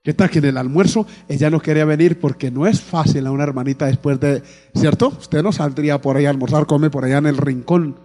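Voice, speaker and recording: A man's voice: fairly high pitch, fairly quick, mellow. A man preaching a sermon as pastor, calling out praise and asking the congregation questions. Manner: preaching to a congregation with frequent "amén" and "alabado el nombre de Jesús". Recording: long hall reverb.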